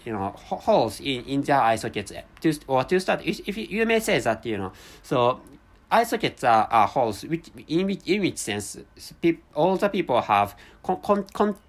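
A male vlogger with a Japanese accent delivers an unscripted monologue in his second language. He speaks haltingly, searching for words and correcting himself, though his pitch stays animated.

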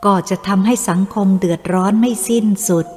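A woman's voice: mid-range voice, brisk, darkish tone, natural voice. A woman voicing a stern male army squad leader who speaks with solemn command, read over faint music in a long reverb.

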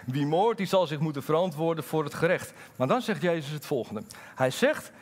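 A middle-aged man preaching a sermon as pastor, lively and candid, moving between loud emphasis and quiet, halting personal asides. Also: fairly high pitch. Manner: candid, halting storytelling with fillers.

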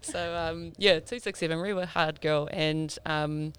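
A woman's voice: low voice, fairly even intonation, a little slow, smooth, no echo. A woman in her thirties with a South Auckland Māori New Zealand accent, chatting informally as a podcast guest and mixing te reo Māori words into English. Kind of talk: casual interview chat.

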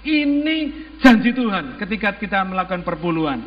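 In a muffled recording with long hall reverb and a little hiss or hum, an Indonesian-accented pastor exhorts the congregation with rhetorical questions and bits of English. His high voice swings widely in pitch, and he speaks briskly and emphatically.

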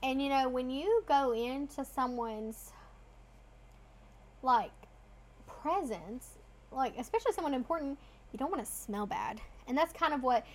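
An earnest woman co-hosts a casual faith chat, explaining her points with a teaching tone. Her voice sits a little high. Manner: earnest, teaching tone with quick asides. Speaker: co-host.

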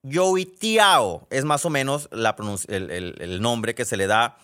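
This casual storytelling monologue comes from a podcast host with a Mexican accent who chats, digresses and frequently corrects himself partway through sentences. The voice is on the low side and smooth, with lively intonation, normal speed and a fairly bright tone.

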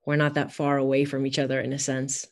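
A woman's voice: very deep voice, completely flat delivery, fast talker. Woman chatting as a podcast guest. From California, United States. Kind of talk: casual interview chat.

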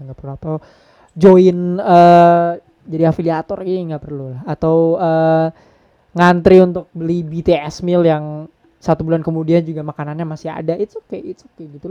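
A man hosting a casual podcast, relaxed and mixing English phrases into his talk. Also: fairly high pitch, no echo, dull audio. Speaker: podcast host.

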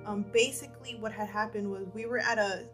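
A young woman chatting casually about games with friends, telling stories in an excitable, animated way. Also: medium pitch, brisk, faint music behind. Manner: excitable, animated storytelling with acted quotes. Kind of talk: casual chat about gaming.

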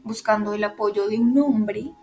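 A woman's voice: medium pitch, steady tone, a little slow, dark tone, faint music behind. A young woman with a Bogotá-area Colombian accent, hosting a podcast and telling a personal story in a candid, emotional way, with many fillers. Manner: emotional, candid, full of fillers like "como" and "o sea". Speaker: podcast host.

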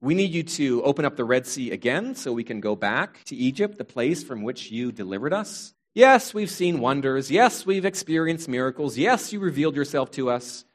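A man's voice: mid-range voice, big pitch swings, moderate pace, hardly any pauses. A man voicing a crowd of ancient Israelites in a mocking, whining tone as they complain about their food. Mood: petulant.

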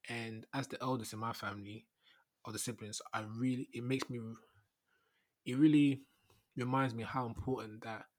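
A man's voice: medium pitch, steady tone, normal speed, darkish tone. A young man with a London roadman accent and heavy street slang, chatting informally as he hosts a solo podcast. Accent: London, Multicultural London English. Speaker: podcast host. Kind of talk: casual solo podcast chat.

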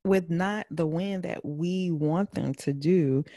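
A woman co-hosting a casual podcast chat, blunt and animated, swearing freely and acting out quotes. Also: lowish voice, takes it slowly, dry recording, studio quality. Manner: animated, acts out quotes in shifting voices. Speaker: podcast co-host.

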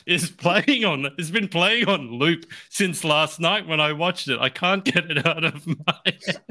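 A man's voice: a little high, measured pace, bright, forceful tone. A man hosting a casual interview in a jokey, teasing way. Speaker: interview host.

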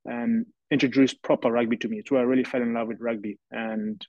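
A man's voice: medium pitch, steady tone, fast talker, darkish tone, no room sound. A man, telling his story earnestly and reflectively as a podcast guest. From South Africa. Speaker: guest, professional rugby player. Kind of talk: podcast interview. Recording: dry, slightly dull lo-fi audio.

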